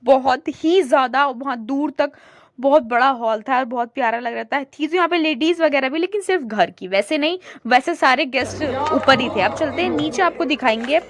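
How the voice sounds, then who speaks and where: A young woman with a high voice narrates her vlog in a chatty, casual way, walking viewers through everything in front of her. The sound is close and dry. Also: moderate pace, dry recording. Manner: chatty, showing things to viewers. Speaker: vlogger.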